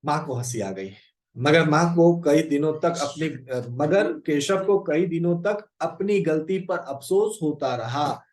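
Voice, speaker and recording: A man's voice: fairly high pitch, lively intonation, takes it slowly, a little mellow. A male teacher explaining a story for a class, with frequent fillers and tag questions. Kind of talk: Hindi lesson explaining a story.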